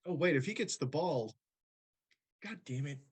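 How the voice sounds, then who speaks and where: A man playing a tabletop game, tossing in quick reactive remarks. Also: on the high side, expressive, slightly rough. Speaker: player. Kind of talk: casual game chat.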